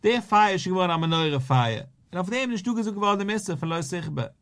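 A man's voice: sits high, expressive, brisk, fairly bright tone. A man, a rabbi, teaching a daily Talmud page, in a sing-song study cadence that repeats its key phrases.

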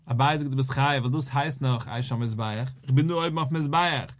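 A man's voice: mid-range voice, fast talker. A man, a rabbi, teaching a daily Talmud page, in a sing-song study cadence that repeats its key phrases.

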